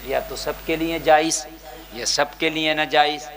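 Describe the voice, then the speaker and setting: A man preaching an emotional sermon, dropping to a hush and then shouting, with sighing cries in between. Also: on the high side, fairly even intonation. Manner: swings from hushed to shouting, sighs and wails. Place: gathering with a live crowd.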